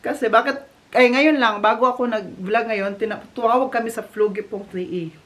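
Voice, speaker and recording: A woman from the Philippines vlogging casually from Germany, telling a story with animated restarts and English mixed in. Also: on the high side, moderate pace. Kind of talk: casual vlog chat.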